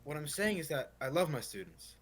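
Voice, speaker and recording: A man's voice: a little high, very animated, fairly quick. A man playing a burnt-out, frustrated schoolteacher who turns sarcastic and explodes in anger. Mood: sardonic. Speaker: teacher.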